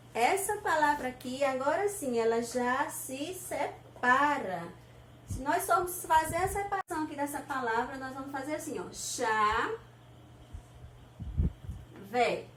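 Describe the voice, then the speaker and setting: A woman teacher with a Brazilian Portuguese accent, giving a recorded lesson to young children, patient and repeating each point, sounding out syllables slowly. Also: high voice, animated, a bit bright. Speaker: primary school teacher. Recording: echoey room, faint noise.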